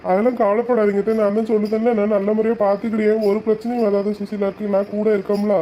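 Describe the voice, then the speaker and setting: A man voicing a dutiful young son-in-law in an animated family drama, reassuring his mother-in-law. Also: high-pitched, fast talker, slight background noise, close to an everyday voice. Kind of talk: cartoon voice acting. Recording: dull, lo-fi recording.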